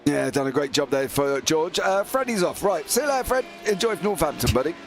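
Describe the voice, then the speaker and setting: A man's voice: on the high side, animated, a little fast, faint music behind. Chatty joking male co-commentator. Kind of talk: motorsport commentary.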